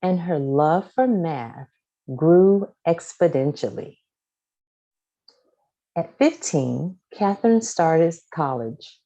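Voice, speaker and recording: A storybook reader with a low, mellow voice takes her time reading a scripted children's story aloud. Her delivery is deliberate and expressive, aimed at young listeners, with lots of pitch movement and lively intonation. The audio sounds lo-fi.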